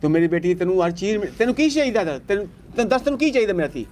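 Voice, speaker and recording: A man's voice: high-pitched, big pitch swings, very fast, darkish tone, slight background noise. A man from Pakistan on a charity visit who hands out aid and earnestly repeats his reassurances. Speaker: charity worker handing out aid. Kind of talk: on-site charity vlog talk.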